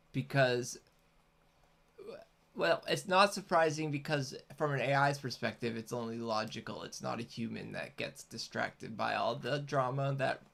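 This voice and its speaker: A man's voice: medium pitch, gravelly, fairly bright tone. A man chatting casually and unscripted as a host, rambling and hesitant as he explains things. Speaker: host, content creator.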